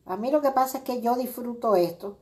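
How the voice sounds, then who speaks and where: A woman's voice: fairly high pitch, brisk, mellow. A middle-aged woman hosting a crafting video, chatting casually and rambling with many fillers as she greets viewers by name. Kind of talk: casual crafting livestream chat.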